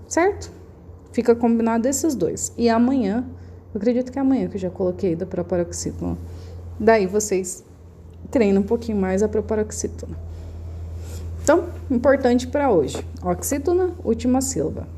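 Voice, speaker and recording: A Brazilian woman gives a remote lesson to children, recorded on her phone. Her voice is mellow, with a faint hum of room noise behind it. She talks patiently, repeats the key points and keeps checking that the class is following. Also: fairly high pitch, moderate pace. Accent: Brazilian Portuguese. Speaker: primary school teacher.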